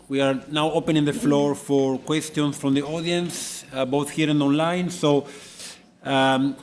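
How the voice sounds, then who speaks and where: A man moderates a lecture's question session in a lecture hall. He speaks in a measured, hesitant way, and a faint ambient hum sits behind his voice. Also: on the high side, darkish tone. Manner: measured, halting with many fillers. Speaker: event chair, moderator.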